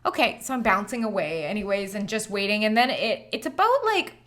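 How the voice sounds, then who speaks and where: Woman, 30s, podcast host, chatty storyteller, mid-pitched, acts out quotes with high bursts. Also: a little fast. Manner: animated, acts out quoted dialogue with sudden high exclaims. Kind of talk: personal storytelling.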